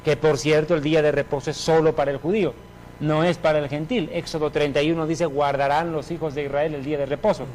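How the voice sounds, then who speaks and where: Middle-aged guy telling his story, emphatic, kinda high voice, a little hiss behind. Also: little pitch movement, quick pace, darkish tone, poor audio. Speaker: guest giving a religious testimony. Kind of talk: personal testimony storytelling.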